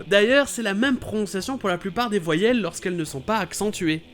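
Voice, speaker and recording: Lively high-voiced man explaining pronunciation. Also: brisk, over music. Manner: lively, playful, exclamatory. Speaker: YouTube host explaining English pronunciation. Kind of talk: scripted explainer narration.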